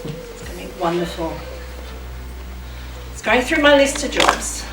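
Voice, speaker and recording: A middle-aged woman delivers a staged monologue as a mother recounting her story, spoken over music at a live show in a big hall. Her medium-pitched voice is lively in intonation and measured in pace, and the recording is echoey and distant with music in the background.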